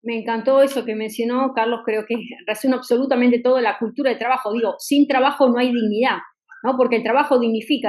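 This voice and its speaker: Emphatic high-voiced woman host. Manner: emphatic, rhetorical, frequent tag questions. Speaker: interview host. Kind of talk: political interview talk.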